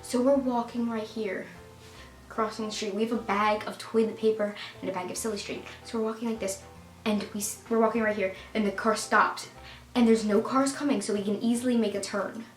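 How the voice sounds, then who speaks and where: A woman casually telling a storytime tale, animated and full of "like" fillers, getting loud when she gets excited. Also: medium pitch, brisk. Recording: roomy echo with faint music.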